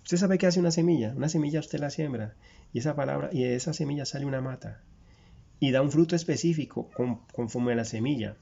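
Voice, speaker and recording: Gravelly preacher, folksy and direct. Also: male voice, mid-range voice, fast talker, dark tone. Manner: folksy, asks listeners rhetorical questions, builds long repeated lists. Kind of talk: conversational sermon. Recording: dull lo-fi recording.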